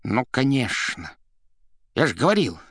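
A man voicing an excitable, fussy male theater administrator who stammers and speaks up eagerly. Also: medium pitch, fast, husky, dry recording, clean studio sound, pitched above the performer's own voice. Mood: excited. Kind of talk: audiobook character voice.

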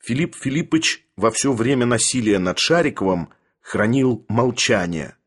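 A man narrating a literary story in a steady, expressive storytelling manner, with a husky voice. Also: mid-range voice, moderate pace. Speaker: audiobook narrator.

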